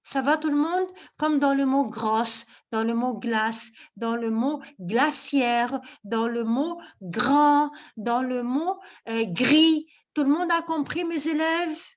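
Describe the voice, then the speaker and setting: Woman teacher with a high voice, slow and patient, on dull video-call audio. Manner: slow, patient, repeats "ok?" after each point. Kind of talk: online class lesson.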